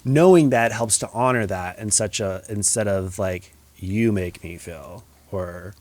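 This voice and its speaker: A male podcast host thinks out loud, reflective and soft-spoken, and fills his talk with casual fillers. His voice sits fairly low. The sound is dry and close, with no room sound. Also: a little slow, no room sound.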